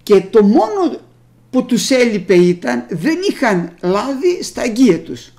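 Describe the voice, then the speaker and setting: Preacher, sermon delivery, rough gravelly texture, mid pitch; reads scripture then explains it to the congregation. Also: very animated, darkish tone. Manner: reads old scripture aloud and explains it plainly; speaks directly to the congregation as brothers. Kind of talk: sermon with Bible readings.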